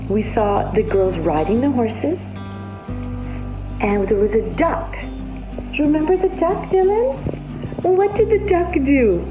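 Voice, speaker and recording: A woman's voice: high-pitched, animated, measured pace, long pauses, muffled recording. A woman talking to a toddler as if reading to one, in a sing-song way, prompting with simple questions. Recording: music playing behind the voice.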